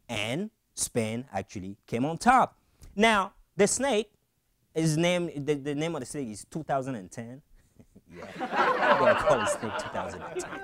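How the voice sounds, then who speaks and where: A man's voice: fairly high pitch, no room sound, studio quality. A man hosting a late-night comedy show, delivering a monologue with slangy asides and laughing at his own jokes. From Africa.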